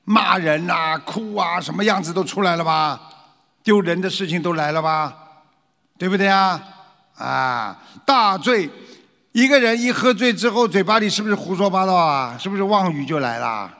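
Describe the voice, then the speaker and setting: Male teacher, lively lecturing delivery, gravelly tone, long hall echo. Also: sits high, normal speed. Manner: animated, acts out scared voices and rhetorical questions. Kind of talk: lecture to followers.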